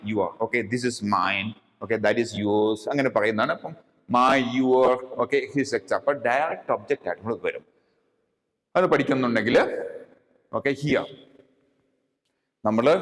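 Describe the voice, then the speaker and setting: A man's voice: medium pitch, a bit bright, long reverb tail. A man with a Malayali accent, teaching a grammar lesson in a classroom style, who mixes languages and keeps checking understanding with frequent "okay"s.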